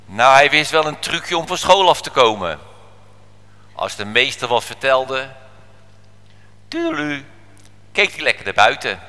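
A preacher telling a children's story in a church service, animated, swinging from whispers to shouts. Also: male voice, medium pitch, normal speed. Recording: echoey church hall.

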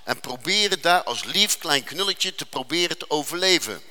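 Man, testimony speaker, earnest and dramatic, slowing for weight, bright voice. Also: a little high, animated, long reverb tail. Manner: earnest, dramatic storytelling with slowed emphasis. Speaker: speaker giving a faith testimony. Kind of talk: personal testimony.

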